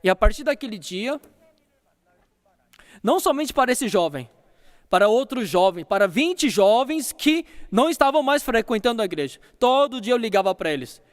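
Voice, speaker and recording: A man's voice: extremely high pitch, very animated, moderate pace. A man preaching a sermon as pastor, telling a story and acting out phone calls, in a church hall. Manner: storytelling with acted phone dialogue.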